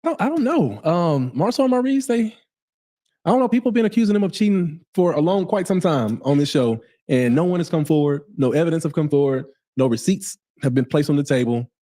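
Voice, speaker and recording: Mellow-voiced man in his forties. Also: a little high, animated. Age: 40s. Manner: casual, halting, repeats himself. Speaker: interview guest. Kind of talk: interview answers.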